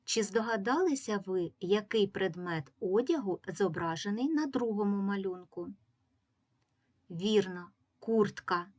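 A woman's voice: mid-range voice, a little mellow. A woman teacher giving a reading lesson to young children, patiently sounding out words syllable by syllable. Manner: slow, patient, drawing out syllables. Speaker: primary school teacher.

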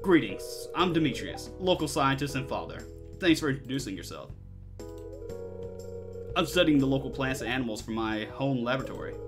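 A man's voice: mid-range voice, expressive, normal speed, lightly acted. Game scientist father, courteous and formal, done by a man, stilted amateur bad acting, music behind. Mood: polite, formal. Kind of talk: reading video game dialogue aloud.

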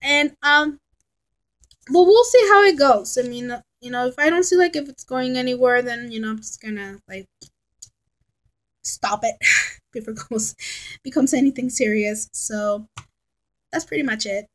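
A woman's voice: on the high side, lively intonation, moderate pace, long pauses, low-quality recording. A woman of thirty in a casual rambling vlog, talking frankly and chattily into a laptop webcam at home. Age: 30s. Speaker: vlogger. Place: bedroom at home, indoors. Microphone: laptop webcam at close range.

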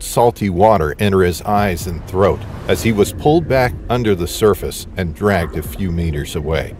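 A man giving scripted narration in a steady, dramatic storytelling manner. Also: deep voice.

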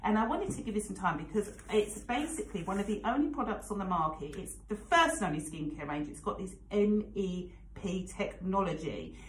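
A woman's voice: medium pitch, lively intonation, brisk, few pauses. Woman in her forties, radio presenter, frank chatty talk, echoey studio. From England. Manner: chatty, frank, lots of fillers and asides. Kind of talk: casual radio chat. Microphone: studio microphone.

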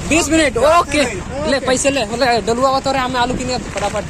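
Chatty high-voiced man filming a street ride. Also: normal speed, over a noisy crowd. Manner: chatty, pointing things out on the road. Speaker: vlogger. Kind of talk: casual travel vlog narration. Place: inside an auto-rickshaw on a busy town street, outdoors. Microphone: handheld phone camera. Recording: loud traffic noise.

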